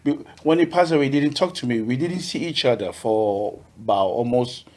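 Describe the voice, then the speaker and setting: A man talks as a guest on a podcast. He sounds cheerful and speaks haltingly, circling back and repeating words as he goes. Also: medium pitch, a little mellow. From Ghana. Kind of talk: casual interview.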